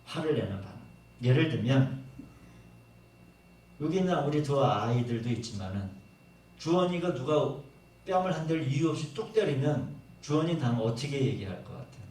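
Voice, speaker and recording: A middle-aged male pastor preaches in a church, his pitch rising and falling with lively swings as he acts out short quoted lines. He stands some way from the mic, so his voice comes through with heavy room echo. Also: moderate pace, long pauses, recorded from a distance, a little hiss or hum. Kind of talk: sermon. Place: church sanctuary.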